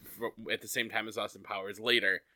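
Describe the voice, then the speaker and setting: A man's voice: fairly low pitch, flat delivery, a little fast, bright, forceful tone, no echo, studio quality. A man co-hosting a podcast, chatting casually and with amusement about a cartoon episode. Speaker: podcast co-host.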